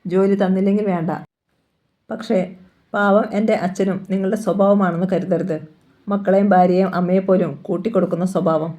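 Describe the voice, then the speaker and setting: A woman's voice: mid-range voice, fairly even intonation, brisk, warm tone, muffled recording, close to an everyday voice. A woman reading the part of a young daughter who defends her father, pleading and cutting, in a storybook reading. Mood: defiant.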